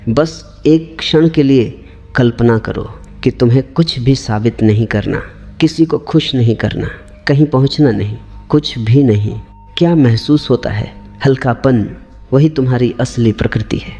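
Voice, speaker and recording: A man giving a slow, calm spiritual discourse as a teacher, with short repeated phrases. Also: mid-range voice, faint music behind.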